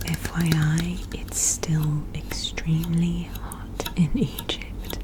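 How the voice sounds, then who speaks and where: A woman whispering softly and gently in an unhurried ASMR style, close to the microphone. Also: low-pitched. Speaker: ASMR video host. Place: indoor room with air conditioner running. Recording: clear steady background noise. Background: air conditioner noise, tapping and clicking of handled objects.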